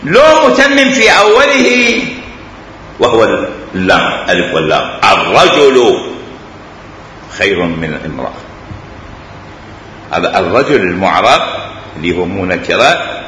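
A man with an Iraqi Arabic accent teaching a grammar class, animated and explanatory, repeating his examples. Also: deep voice, normal speed, long pauses, slight background noise. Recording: echoey hall, faint ambience.

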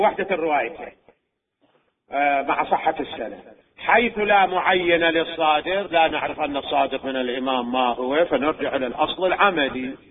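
A man delivers a scholarly lecture on religious law, slow and deliberate, putting questions to his listeners and answering them himself. His voice sits somewhat high for a man. The recording is thin and tinny, like a phone line.

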